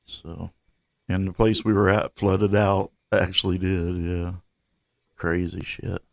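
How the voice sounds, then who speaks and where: A man's voice: low-pitched, level tone, slow pace, creaky, a little mellow, no echo. A man hosting a live stream in casual chat, laid-back, calling everyone bro, a bit short of breath.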